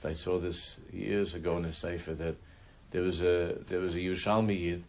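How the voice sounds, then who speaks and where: A man teaching a religious class, telling a story in a halting way, often restarting his sentences. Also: low voice, little pitch movement, a little mellow. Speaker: Torah teacher.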